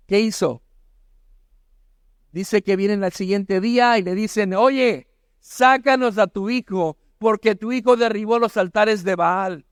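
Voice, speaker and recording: A middle-aged male pastor preaching a sermon, emphatic, with rhetorical questions and bursts of shouted exhortation. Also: high voice, clear, resonant tone, no room sound, clean studio sound.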